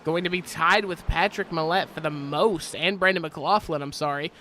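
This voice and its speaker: A man calls a virtual race live from his home desk, his voice high and forceful. He keeps apologizing and correcting himself as he goes. A faint hum of noise sits underneath. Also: moderate pace. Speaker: sim racing play-by-play commentator. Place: home, helicopters overhead.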